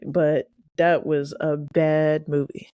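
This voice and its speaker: A woman co-hosting a casual movie review podcast, chatty and quick to laugh. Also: sits low, level tone, no echo, muffled recording. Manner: chatty, laughing, acts out quoted lines. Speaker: podcast co-host.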